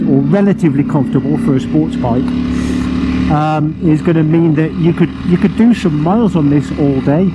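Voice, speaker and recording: A man reviewing a motorbike outdoors in a casual, enthusiastic way, pausing often with fillers. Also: on the high side, heavy background noise. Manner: enthusiastic, hesitant with many fillers. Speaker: motorcycle vlogger. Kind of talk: casual first-ride review.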